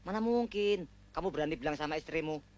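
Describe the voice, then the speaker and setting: A man's voice: on the high side, fast, a little mellow, lightly acted. An actor plays a bossy young man with a slightly raised voice. He barks out exercise counts and teases his friend. It is broad film-comedy acting. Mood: lecturing. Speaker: friend coaching a groom.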